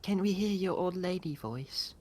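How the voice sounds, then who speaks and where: A woman's voice: lowish voice, lively intonation, moderate pace, a little mellow, breathy edge. A woman playing a tabletop game, talking hesitantly with fillers. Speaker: player. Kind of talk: casual chat at a game table.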